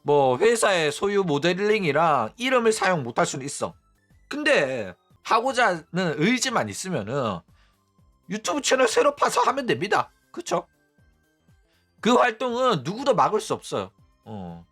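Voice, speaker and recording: A man's voice: high voice, wildly swooping pitch, moderate pace, fairly bright tone, faint music behind. A man hosting a commentary channel, ranting bluntly and mockingly and tagging his points with "right?". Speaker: VTuber news channel host.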